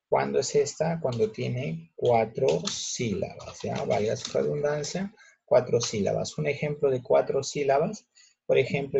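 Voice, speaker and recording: Husky gravelly male teacher, muffled recording. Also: mid-range voice, a little mellow. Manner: patient, checks in with students with quick questions. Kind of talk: explaining a grammar lesson step by step.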